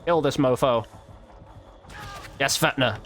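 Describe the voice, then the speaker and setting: A man hosts a gaming video, playing and chatting informally about his gameplay while talking straight to his viewers. His voice is medium-pitched and slow, with slight background noise.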